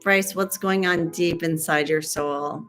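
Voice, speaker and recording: Woman, tarot reader hosting a livestream, chatty, rambling, trails off mid-sentence, somewhat low voice. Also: steady tone, slow pace, fairly bright tone, soft background music. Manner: joking asides. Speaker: tarot reader and stream host. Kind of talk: casual livestream tarot reading.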